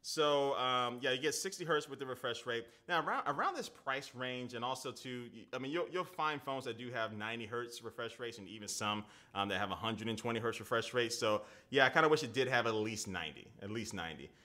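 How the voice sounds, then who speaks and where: Brisk and with hardly any pauses, a man in his thirties talks in a mid-range, sharp-toned voice. The tech reviewer is at a desk in his indoor home studio, loosely chatting through a casual live-stream phone unboxing and reading viewers' comments out loud.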